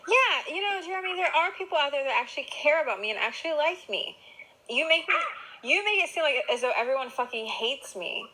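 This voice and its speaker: Bright, high-voiced woman on a prison phone. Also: lively intonation, a little fast. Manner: talking on a prison phone call; blunt, argumentative, swearing. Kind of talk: casual phone chat. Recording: noisy prison phone line.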